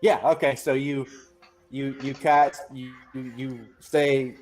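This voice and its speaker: A young man narrates as game master for a tabletop game, his medium-pitched, darkish voice slow and fairly flat in pitch. He stammers through restarts, often repeating words, and acts out characters' lines.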